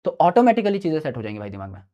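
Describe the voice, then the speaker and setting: A coaching teacher mentors students in a relaxed, brotherly way, chatting and checking in with "right?" as he goes. He speaks very fast and very animatedly, with a fairly high, dark-toned voice, and the recording's highs are cut off.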